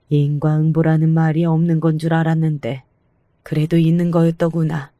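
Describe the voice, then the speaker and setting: Calm woman narrating a family story. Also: low voice, no room sound, studio quality. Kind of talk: first-person radio story narration.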